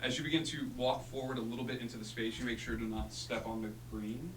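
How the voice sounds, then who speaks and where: A man working as game master, narrating a tabletop fantasy game theatrically with dramatic pauses. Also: medium pitch, flat delivery. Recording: echoey room, distant mic, humming noise.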